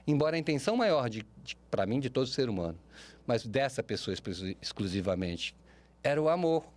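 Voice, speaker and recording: A Brazilian man speaking as a podcast guest, animated and expressive, often ending points with tag questions. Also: mid-range voice, a little fast. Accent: Brazilian Portuguese. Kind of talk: podcast interview.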